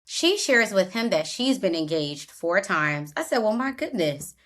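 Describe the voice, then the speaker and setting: A woman's voice: medium pitch, very animated, measured pace, a bit bright. A woman co-hosting a podcast, recapping a reality show in casual chat and acting out what people said. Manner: recounts scenes, acts out quotes. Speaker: podcast co-host.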